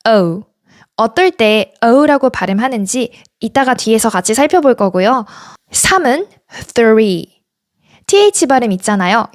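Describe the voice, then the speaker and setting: A woman teaching English numbers in a bright, fairly high voice that moves a lot in pitch. She slows right down to model each word. The sound is dry and close. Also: no echo. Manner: slow, drawn-out model words between explanations. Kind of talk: pronunciation lesson.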